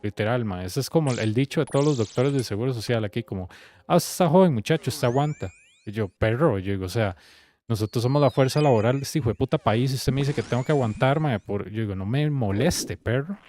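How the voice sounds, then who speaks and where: A man's voice: medium pitch, fast, darkish tone, slight background noise. A young man with a Costa Rican accent, chatting loosely with his viewers while he plays, telling rambling stories and swearing freely. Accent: Costa Rican Spanish. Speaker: game streamer. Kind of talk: casual chat with viewers while playing.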